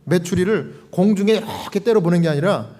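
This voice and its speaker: Pastor guy preaching, high voice, keeps asking the congregation stuff and acting out prayers. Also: brisk, mellow. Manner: explains with questions to the congregation, acts out prayers. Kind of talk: sermon.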